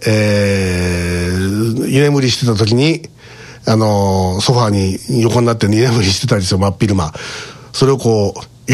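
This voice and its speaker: Animated middle-aged male storyteller. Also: mid-range voice. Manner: animated, lively storyteller who chuckles between points. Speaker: radio show host. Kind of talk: casual storytelling monologue.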